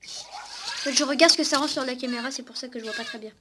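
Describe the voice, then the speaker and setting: A high-pitched young woman talks fast as she shows off a toy robot in a casual unboxing-style video. She's at home, cat on her lap, chatting with the robot and viewers, and the recording is noisy.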